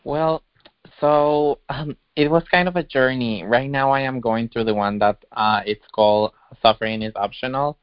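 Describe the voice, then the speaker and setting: A man from Ecuador calls in to a radio show, speaking in a hesitant, earnest way full of restarts. His voice is smooth and clear at a middling pitch. The sound is dry and a little lo-fi. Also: moderate pace, no echo. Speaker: caller. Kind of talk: casual phone-in question.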